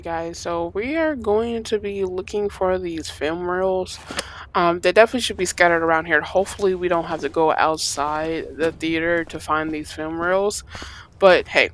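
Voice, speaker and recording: A gaming creator with a hoarse, fading voice, chatting casually to viewers and reading in-game notes aloud with small stumbles. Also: medium pitch, a bit bright, a little hiss or hum. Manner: chatty, addresses viewers directly. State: hoarse, losing voice. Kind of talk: casual let's-play commentary.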